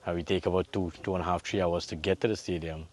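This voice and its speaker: A Guyanese man, a former cricketer, talks casually in an interview, often stumbling and repeating words. His voice is very deep and stays flat, with little rise and fall. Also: fast.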